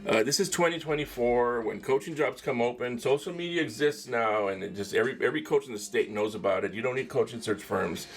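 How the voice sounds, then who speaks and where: A man with a medium-pitched, lively voice hosts a casual solo sports talk podcast, talking briskly with hardly any pauses. He rambles and gives candid, opinionated commentary, full of fillers, and tends to end phrases with "man."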